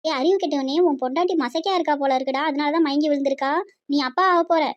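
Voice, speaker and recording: A woman's voice: high-pitched, dull audio, very noisy, close to an everyday voice. Woman voicing bossy village mother-in-law. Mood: scolding. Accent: Tirunelveli Tamil. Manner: scolding, brisk, motherly. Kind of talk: animated cartoon voice acting.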